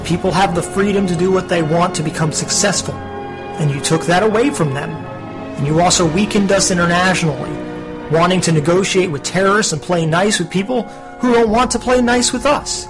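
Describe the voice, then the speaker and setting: A stern spirit of the future, played by a man who lectures in a firm, sarcastic tone. The voice sits slightly high, with clear music underneath. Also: normal speed, natural voice. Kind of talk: comedic parody radio play.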